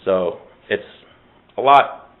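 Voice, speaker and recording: Speaking slowly in a low voice, a man teaches an informal Torah class with discussion, joking and interrupting himself while using Hebrew terms. The recording has a thin, phone-like quality.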